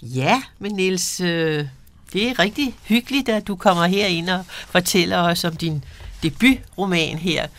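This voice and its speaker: A man's voice: high-pitched, fairly bright tone. A man hosting an interview, chatting casually with an author and giving many short replies. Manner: friendly, frequent short backchannels. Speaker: interviewer host.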